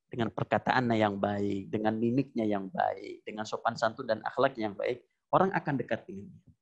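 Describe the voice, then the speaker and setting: Emphatic gravelly male preacher. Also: normal speed. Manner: emphatic, repeats phrases, jumps to high exclamations; recites Arabic verses between plain explanation. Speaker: Islamic preacher. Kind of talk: religious lesson to a congregation. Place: Islamic boarding school lecture. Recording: dull lo-fi recording.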